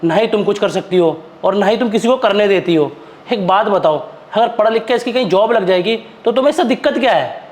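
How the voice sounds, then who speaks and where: Guy doing a firm husband lecturing his wife, pretty high voice. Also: brisk, darkish tone, lightly acted. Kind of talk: amateur web drama acting.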